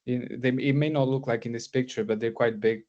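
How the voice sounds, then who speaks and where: Speaking fairly quickly, a man in his thirties from Portugal delivers a guest lecture by video call in a steady, darkish mid-range voice. The academic talk is hesitant and full of fillers and restarts, captured on slightly dull lo-fi audio.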